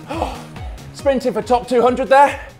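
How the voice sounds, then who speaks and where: Brief: winded male presenter, high for a man, joking between breaths, faint music behind. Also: animated, moderate pace. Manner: breathless, jokey. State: out of breath, sweaty after a hard ride. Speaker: show presenter riding on camera.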